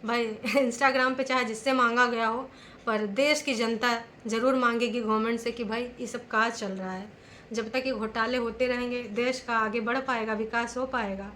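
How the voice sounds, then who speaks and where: A woman's voice: a little high, fairly bright tone, a little hiss or hum. A woman vlogger giving opinionated commentary in a chatty way, often posing rhetorical questions to her viewers.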